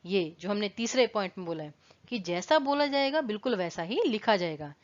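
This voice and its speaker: A woman's voice: medium pitch, animated, a little fast. Woman, online exam-prep lesson, patient explaining, repeated example words, lo-fi recording. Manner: explains patiently, repeats and contrasts word pronunciations. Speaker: Hindi teacher.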